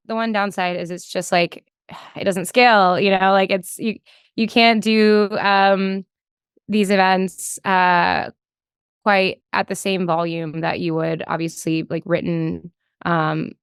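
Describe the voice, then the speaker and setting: A woman guesting on a podcast, a developer relations engineer, chats in a relaxed way, thinking aloud and sprinkling in "like" constantly. Her lowish voice is smooth, and the clean studio recording has no echo.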